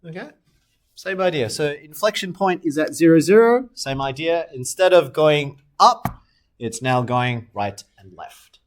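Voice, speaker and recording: A man's voice: on the high side, expressive, measured pace. Man talking through a maths lesson. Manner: talks students through steps, asks and answers own questions; self-correcting while sketching on screen. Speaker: maths teacher. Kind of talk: recorded maths lesson walkthrough.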